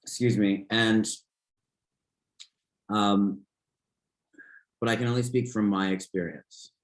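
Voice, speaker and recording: Speaking slowly in a steady, lowish voice, a man who works as a fitness instructor guests on an interview podcast. The room is reverberant, and his relaxed, rambling answers are packed with restarts and fillers.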